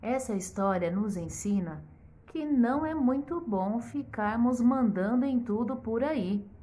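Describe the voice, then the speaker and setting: A woman's voice: on the high side, a little hiss or hum. A woman educational psychologist narrating a children's story expressively and ending with a moral lesson. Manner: slow, expressive, teacherly.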